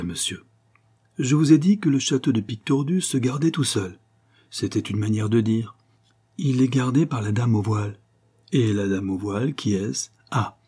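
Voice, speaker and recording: A man reading aloud, voicing a simple, superstitious coachman who speaks earnestly and respectfully, in a raised, husky voice. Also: medium pitch, mellow. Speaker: postillion.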